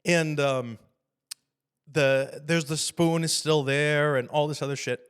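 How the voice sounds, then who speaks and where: A man hosting a podcast, chatting casually about a film in a rambling, profane, animated way and laughing often. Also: fairly high pitch, slow, clean tone. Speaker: podcast host.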